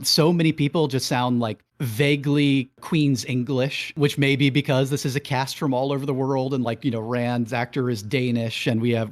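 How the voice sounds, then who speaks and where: Man, podcast host, casual chat, analytical, rambling, frequent restarts. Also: mid-range voice.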